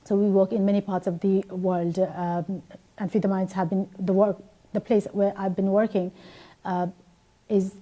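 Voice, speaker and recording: A woman's voice: medium pitch, flat delivery, moderate pace, mellow, muffled recording. A woman from Nepal in her thirties, guest in a live TV interview, answering thoughtfully with many fillers and restarts.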